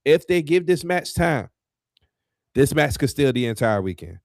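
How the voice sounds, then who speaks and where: A man's voice: on the high side, big pitch swings, normal speed, no room sound, clean studio sound. A man co-hosting a wrestling podcast, talking casually and animatedly, full of slang and fillers, getting heated as he rants. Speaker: podcast co-host.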